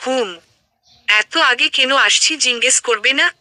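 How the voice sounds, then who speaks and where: A woman's voice: sits high, slow pace, sharp tone, no room sound, exaggerated voice. A woman voicing an affectionate, teasing young man talking to his fiancée on the phone in an audio story. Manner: playful, teasing.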